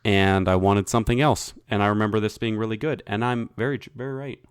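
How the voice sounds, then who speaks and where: A man's voice: fairly low pitch, steady tone, a little fast, clean tone, no echo. A man co-hosting a podcast, chatting casually and joking, sitting close to the mic. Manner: joking, swears freely. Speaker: podcast co-host. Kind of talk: casual chat.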